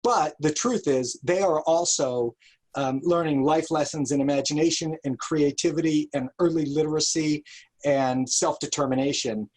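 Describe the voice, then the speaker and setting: The director of a children's park, appearing as an interview guest, speaks at a moderate pace in a medium-pitched, slightly mellow voice. The answers are earnest, emphatic and thoughtful, built from carefully weighed phrases.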